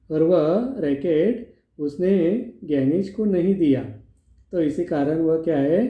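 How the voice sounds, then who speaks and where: Brief: patient male teacher, slow and methodical, phone-like sound in an echoey room. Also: a little high. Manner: explains step by step, asks and answers his own questions. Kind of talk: classroom lesson explaining a play.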